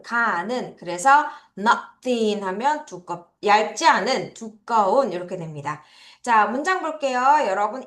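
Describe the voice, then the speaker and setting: A woman's voice: fairly high pitch, fairly bright tone, echoey room. A woman with a Korean accent teaching English vocabulary in an online lesson, asking students questions and having them repeat words after her. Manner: drills pronunciation, asks students to repeat.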